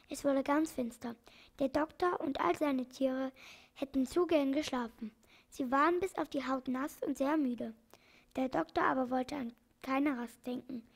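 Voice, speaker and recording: A woman reading a children's audiobook aloud in an expressive storytelling manner. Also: sits high. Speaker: audiobook reader.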